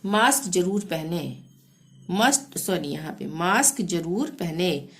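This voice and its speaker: A woman teaching a language lesson, spelling words letter by letter and repeating phrases slowly and patiently. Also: fairly low pitch, animated, fairly bright tone. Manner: repeats "theek hai" to check understanding. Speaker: Hindi teacher.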